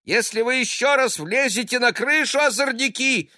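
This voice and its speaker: A man voicing an angry rural woman nurse who scolds and shouts. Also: very high-pitched, normal speed, dry recording, clean studio sound, voice pushed up, full character voice. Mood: scolding.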